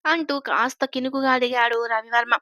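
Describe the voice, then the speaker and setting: A woman reading a serial story aloud in a gentle, expressive storytelling manner, close to the mic. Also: fairly high pitch, normal speed, no echo.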